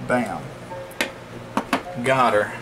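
Speaking very slowly in a mid-range voice over music, a man hosts a DIY electronics repair vlog from an indoor work table. His commentary is informal and folksy as he works and thinks aloud, in a low-quality home recording with clear background noise.

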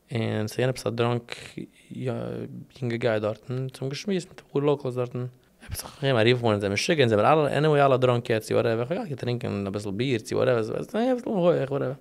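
A young man talks quickly in a low, gravelly voice as an interview guest. He rambles, restarts his sentences and drops English phrases into his talk. The tone is casual and chatty. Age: young adult.

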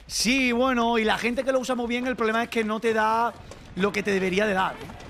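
A young man from streaming a game, chatting to viewers and shouting and swearing at the action. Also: extremely high pitch, steady tone, brisk, slight background noise. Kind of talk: live gameplay commentary.

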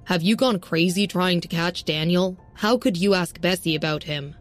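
A woman's voice: lowish voice, moderate pace, soft background music, close to an everyday voice. A woman voicing a brash young man who teases bluntly, in an audiobook-style story reading. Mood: mocking.

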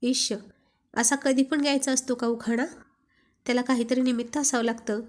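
A woman's voice: high-pitched, fairly even intonation, normal speed, lightly acted. A woman voicing a shy, loving young wife who speaks bashfully and affectionately. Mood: bashful, teasing.

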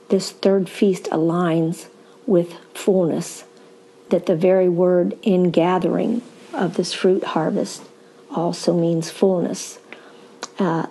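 An older woman evangelist teaching in a slow, deliberate podcast sermon, with occasional fillers. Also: on the low side, dark tone, slightly rough, low-quality recording.

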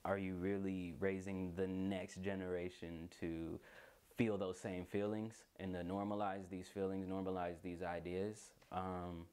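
A man giving a reflective documentary interview, pausing with ums as he thinks. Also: sits low, level tone, darkish tone, clear, resonant tone. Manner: thoughtful, pauses with ums.

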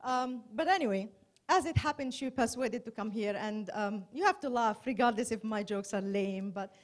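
A woman's voice: a little high, moderate pace. A woman doing her first stand-up set on a hall stage, chatty and self-mocking, teasing the crowd. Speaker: comedy contestant. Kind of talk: stand-up comedy.

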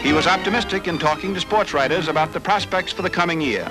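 High-voiced man in old newsreel narration. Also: music in the background. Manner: brisk, formal announcer delivery.

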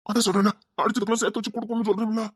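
A woman doing a husky, possessive young husband. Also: fairly high pitch, little pitch movement, racing, no room sound, clean studio sound. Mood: pleading. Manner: pleading, insistent, swings between coaxing and threats. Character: possessive lovesick young husband, pleading and stubborn. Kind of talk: amateur audio drama.

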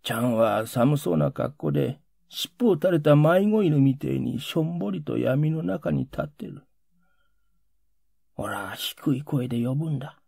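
A man voicing a rough, emotional working-class Edo man who pleads in coarse old Edo street speech. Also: mid-range voice, lively intonation, a little slow, darkish tone, no echo, studio quality, pitched above the performer's own voice, exaggerated voice. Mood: hushed.

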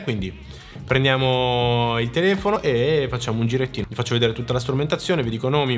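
A man speaks as a video creator in a casual, explanatory style. His pitch sits in the middle and his phrasing is colloquial and informal. Faint music plays behind his voice. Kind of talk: casual explanatory vlog talk.

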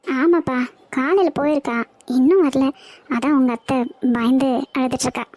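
A woman voicing a kindly old grandmother who speaks in a gentle, coaxing way. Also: high-pitched, moderate pace, no echo. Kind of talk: cartoon voice acting.

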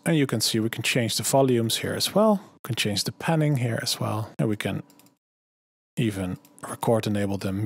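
A man narrating a software tutorial voice-over, calmly walking through each click and setting step by step. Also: lowish voice, breathy edge, no echo. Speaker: tutorial host.

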